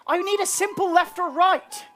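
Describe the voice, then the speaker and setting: A woman's voice: very high-pitched, normal speed, background noise. A woman playing a plaintive, bewildered brother searching for his sister in improvised comedy. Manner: earnest, bewildered, ungrammatical.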